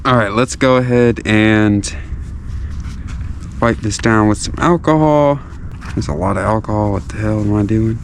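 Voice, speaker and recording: A man with a cold talks his way through a do-it-yourself wheel restoration outside, in the easygoing how-to style of a car DIY vlogger. He speaks on the low side, unhurried and pausing often, staying chatty and poking fun at himself, over slight background hiss or hum.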